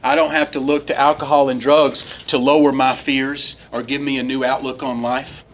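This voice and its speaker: Casual: guy giving his recovery testimony in a meeting hall, pitch jumps way up when he acts stuff out, bit of background noise. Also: normal speed. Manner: animated storyteller, swings up in pitch for quoted voices. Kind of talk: personal testimony talk.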